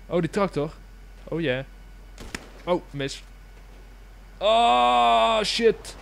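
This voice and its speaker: Excitable young Dutch gamer with a lively voice. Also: male voice, sits high, drawn-out words, gravelly, slight background noise. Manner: excitable, swears often, bursts into shrieks. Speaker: gaming YouTuber. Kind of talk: casual gameplay commentary.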